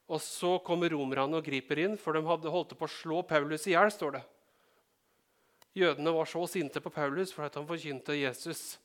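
Norwegian-speaking male pastor, fairly high voice. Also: steady tone, a bit bright. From Norway. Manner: conversational, joking asides to the congregation. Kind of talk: sermon.

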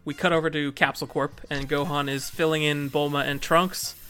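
A podcast co-host recapping the episode plot briskly in a casual chat, laughing often. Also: medium pitch, level tone, pushed and bright, faint music behind.

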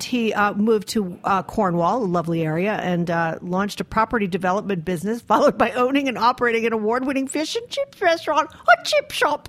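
A woman hosting a radio interview from the studio, talking in a chatty, jokey way with restarts. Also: medium pitch. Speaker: radio show host.

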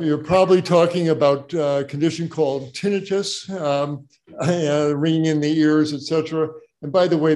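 Older male doctor, folksy and joking, relaxed Q&A advice. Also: on the high side. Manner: folksy, joking, repeats words as he explains. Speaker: doctor answering audience questions. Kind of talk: casual Q&A advice.

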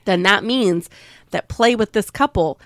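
A woman co-hosting a podcast in casual chat, talking frankly and with animation, teasing and quick to laugh. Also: medium pitch, a bit bright, no room sound, clean studio sound. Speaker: podcast co-host.

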